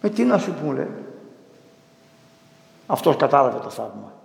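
Gravelly-voiced priest in an echoey church. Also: male voice, medium pitch, very animated. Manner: slow, emphatic, quotes dialogue animatedly. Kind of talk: storytelling sermon in church. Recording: echoey church with long reverb.

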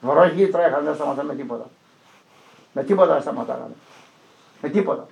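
A man's voice: fairly high pitch, creaky, darkish tone, highs cut off. An older man, a priest, preaching and telling a story with acted-out quotes. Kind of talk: sermon.

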